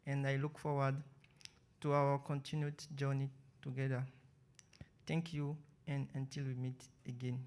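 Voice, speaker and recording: Even-toned man with Beninese French accent. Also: mid-range voice, measured pace, smooth. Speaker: session moderator and presenter. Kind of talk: public address at a conference session.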